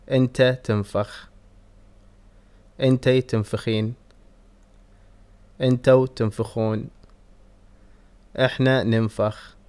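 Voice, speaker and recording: A man with a Kuwaiti accent, reading Arabic verb conjugations and English translations slowly and deliberately in a language lesson. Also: medium pitch, darkish tone, clear, resonant tone. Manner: slow, deliberate word-by-word reading. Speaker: Arabic teacher. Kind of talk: reading vocabulary drills.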